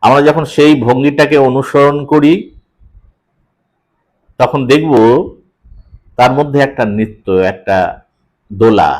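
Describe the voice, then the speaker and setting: Measured male teacher lecturing. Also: medium pitch. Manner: measured, reads verse slowly with drawn-out syllables; fillers and self-corrections. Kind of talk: lecture on poetic meter.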